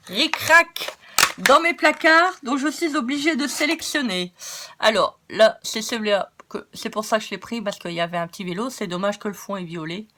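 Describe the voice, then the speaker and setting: A woman's voice: medium pitch, background noise. A French woman chatting through a craft-supply haul, laughing often, joking about herself and thinking aloud with lots of fillers. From France. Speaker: craft vlogger. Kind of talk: casual haul chat.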